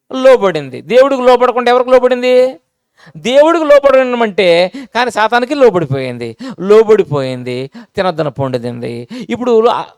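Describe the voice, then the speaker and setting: A man's voice: extremely high pitch, dry recording, clean studio sound. A male pastor preaching a sermon, conversational and repetitive, quizzing his listeners again and again with rhetorical questions.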